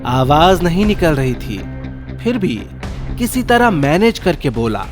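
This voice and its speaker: A man's voice: on the high side, very animated, a little slow. A man narrating a ghost story in a wry, jokey scripted style. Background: music.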